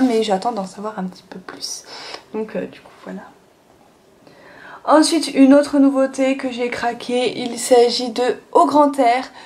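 A young woman vlogging about manga goes through her haul in a casual, chatty style, dropping small fillers and "donc voilà" again and again. She's in a sunny room at home, and her voice is a little high with a darkish tone.

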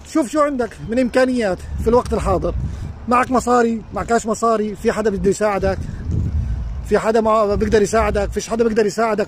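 A man's voice: very high voice, slight background noise. A man with a Levantine Arabic accent gives earnest advice as a life coach on a live stream, speaking outdoors beside a lake into a phone. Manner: earnest, advising, addresses viewers directly.

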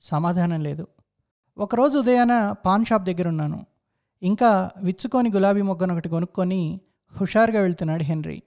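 A man reading out a first-person story and lingering over his own thoughts as he goes. His voice is warm and mellow, with a soft, rounded edge. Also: high voice, brisk, pauses often. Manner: reflective, introspective. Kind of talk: story narration.

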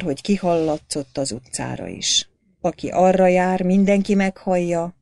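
A woman narrating an audiobook novel in a steady, expressive storytelling manner. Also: lowish voice, gravelly, no room sound.

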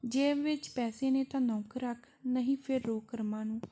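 A woman's voice: a little high, steady tone, normal speed, dark tone, lightly acted. Woman doing a scornful, haughty young girl. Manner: scornful, snapping. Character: haughty, furious young woman Sund, boastful.

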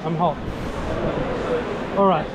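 A man's voice: a little high, fairly even intonation, slow pace, lo-fi sound, over a noisy crowd. A man in his thirties with a West African accent, chatting casually as a travel vlogger in a busy airport hall. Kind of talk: casual vlog chat to camera and at check-in. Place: large busy airport departure hall, indoors. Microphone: camera held at arm's length. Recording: loud airport terminal background noise.

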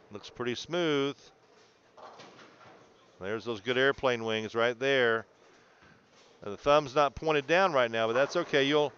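A bowling coach guides a student through video analysis, explaining things encouragingly and checking in often. His medium-pitched voice is a bit bright, while the audio is dull with slight background noise.

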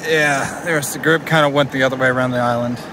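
A man's voice: medium pitch, steady tone, quick pace, noisy background. A man casually narrating a vlog from a kayak on a river, rambling with restarts and fillers. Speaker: vlogger. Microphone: handheld camera.

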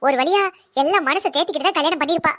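A woman as a blunt young daughter-in-law: very high, bright, rapid-fire cartoon voice, lecturing and defiant. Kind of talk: cartoon drama voice acting.

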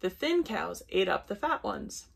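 A woman's voice: medium pitch, sing-song, measured pace, creaky, slightly rough, heavily acted. A woman reading the lines of a king in a children's Bible story, staying close to her own voice. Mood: puzzled. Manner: reads the king's lines plainly, near her own voice. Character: Egyptian king, grown man, commanding.

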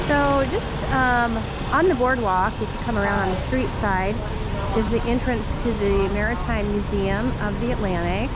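A middle-aged woman gives upbeat, chatty walking-tour commentary as a travel vlogger, outdoors on a city waterfront with a camera held at arm's length. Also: medium pitch. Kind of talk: casual walking-tour narration. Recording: loud street noise outdoors.

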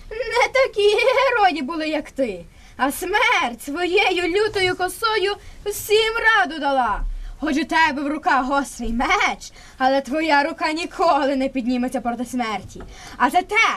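Woman acting shrill, menacing Death. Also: sing-song, measured pace, a bit bright, full character voice. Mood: scornful, menacing. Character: menacing, scornful Death with scythe, puppet theatre. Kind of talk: declamatory folk nativity puppet play.

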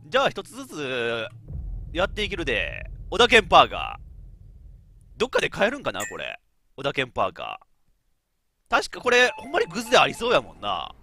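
Man, game streamer, chatty, laughs a lot, bright, hugely animated pitch. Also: a little fast, creaky, long pauses, slight background noise. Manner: animated, chatty, laughs often, talks to himself. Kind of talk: let's play commentary.

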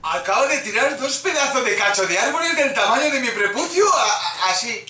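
Hyper young gamer shouting. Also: male voice, extremely high pitch, animated, brisk, recorded from a distance, slight background noise. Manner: hyper, shouting, crude jokes. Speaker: gaming YouTuber. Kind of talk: gameplay commentary. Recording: roomy, off-mic, game music behind.

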